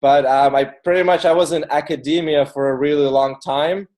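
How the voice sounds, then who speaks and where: A man born in Ukraine who moved to the US at eight talks casually as an interview guest, telling stories in an informal way filled with fillers and frequent "like." His voice is fairly high and slightly mellow, steady in tone, at normal speed.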